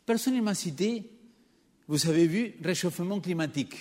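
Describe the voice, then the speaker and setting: High-voiced preacher with an accent, echoing church. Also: male voice, lively intonation, moderate pace, a little mellow. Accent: non-native French accent. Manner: engaging, poses rhetorical questions to the congregation. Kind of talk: sermon. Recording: long reverb of a church hall.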